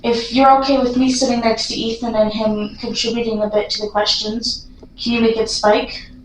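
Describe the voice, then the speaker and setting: A woman vlogging a ghost investigation in an excitable, spontaneous way, putting questions and requests to a spirit and often rephrasing them. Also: on the high side, moderate pace. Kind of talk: spontaneous vlog narration while addressing a spirit with questions. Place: echoey room inside a castle. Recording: roomy echo, some background noise.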